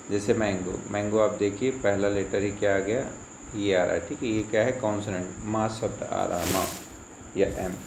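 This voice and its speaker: Male teacher, patient question-and-answer manner, lowish pitch, roomy echo. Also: a little mellow. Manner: patient, asks and answers his own questions, repeats "ठीक है". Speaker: school English teacher. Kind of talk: grammar lesson explained in Hindi. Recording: echoey room with faint insect noise.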